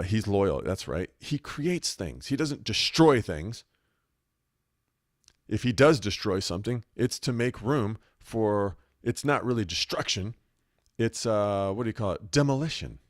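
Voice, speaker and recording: A man preaching an informal sermon in a blunt, emphatic way, his words swinging between loud stresses and low, quiet drops. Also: no echo, studio quality.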